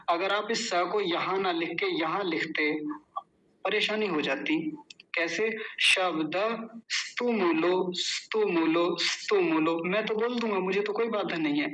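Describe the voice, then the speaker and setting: A man's voice: sits high, pushed and bright, slight background noise. A man teaching Sanskrit verse pronunciation, breaking words into syllables and repeating them patiently for listeners to echo. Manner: slow syllable-by-syllable drilling, patient and explanatory. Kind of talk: pronunciation lesson with call-and-response drilling.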